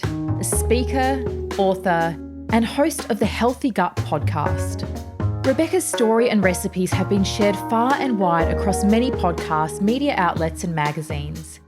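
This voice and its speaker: A woman hosting a podcast, reading a measured scripted introduction. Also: medium pitch. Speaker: podcast host. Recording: loud music bed behind voice.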